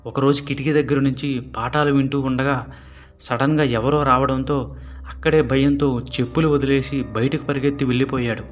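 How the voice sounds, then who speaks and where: A man narrating a horror story in a steady storytelling manner. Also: medium pitch, moderate pace, faint music behind.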